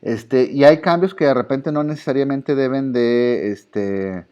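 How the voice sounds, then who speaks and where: A man's voice: mid-range voice, measured pace, darkish tone, clear, resonant tone. Man teaching, filler-heavy explaining. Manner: explanatory, with frequent "este" fillers and self-corrections. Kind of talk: recorded online lesson. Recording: slightly dull lo-fi audio.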